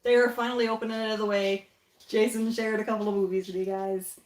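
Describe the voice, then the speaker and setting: A woman's voice: medium pitch, level tone, fast. A woman hosting a casual livestream, chatty and often laughing, talking from a home basement. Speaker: livestream host. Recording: roomy echoey room.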